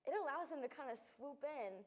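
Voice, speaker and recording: A woman's voice: high voice, expressive, brisk, a little mellow. A woman chatting on a sports panel, bubbly and agreeable, often laughing.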